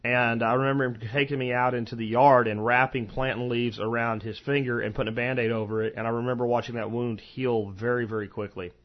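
A dull, slightly muffled lo-fi recording of an American man with a mid-pitched voice. He hosts a solo podcast in an informal, conversational way. He rambles easily, wandering into personal asides as he explains things. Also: level tone, brisk, few pauses. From eastern United States, Florida and Pennsylvania. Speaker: podcast host. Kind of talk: informal solo podcast talk on medicinal plants.

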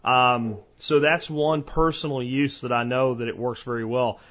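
A dull, slightly muffled lo-fi recording of an American man with a mid-pitched voice. He hosts a solo podcast in an informal, conversational way. He rambles easily, wandering into personal asides as he explains things. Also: steady tone, moderate pace. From eastern United States, Florida and Pennsylvania. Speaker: podcast host. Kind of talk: informal solo podcast talk on medicinal plants.

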